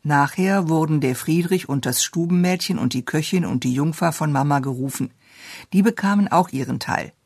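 A narrator reading an old-fashioned children's story aloud with a lively, expressive delivery. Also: medium pitch, moderate pace, slightly rough, no room sound, clean studio sound.

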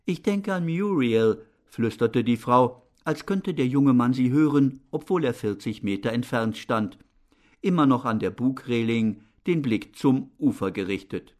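Measured male audiobook narrator. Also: mid-range voice, darkish tone. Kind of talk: scripted narration.

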